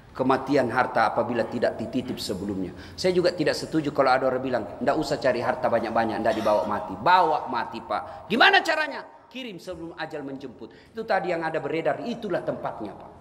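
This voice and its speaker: A man's voice: fairly high pitch, a little fast. A male preacher giving a humorous sermon, telling stories animatedly and shifting into solemn warnings. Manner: animated storytelling, swings between jokes and solemn warning. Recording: reverberant hall with faint noise.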